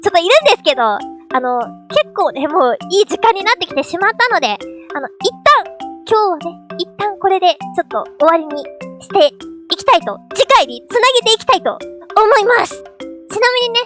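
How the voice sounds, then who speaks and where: A woman's voice: very high voice, very animated, moderate pace, a bit bright, soft background music. A young woman hosting as a VTuber, chatting playfully and filling her talk with little fillers as she explains cartoon characters. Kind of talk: casual solo talk.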